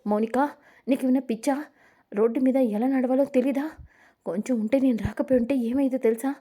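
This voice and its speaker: A woman's voice: sits high, fairly even intonation, fairly quick, mellow. A woman voicing a protective sister-in-law. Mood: worried. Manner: worried, urgent.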